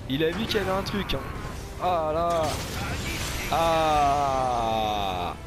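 A man's voice: a little high, slow, over music. A man giving casual game commentary as host of a gaming video, chatty, informal and slangy.

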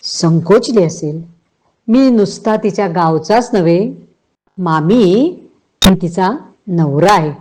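A woman's voice: on the low side, slow pace, pauses often, warm tone. A woman reading as a polite young husband. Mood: earnest. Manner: polite, hesitant.

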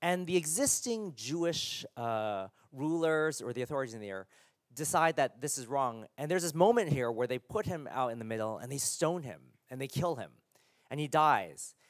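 A man preaching a sermon to his congregation, his voice sitting in an ordinary middle range. He talks casually and haltingly, full of fillers and restarts. The sound is dry and close. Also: medium pitch, animated, no room sound. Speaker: pastor.

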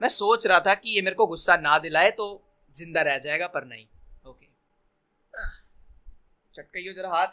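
A young man giving casual, jokey let's-play commentary, excitable and talking back at the game. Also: high voice, normal speed, pauses often. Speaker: gaming commentator.

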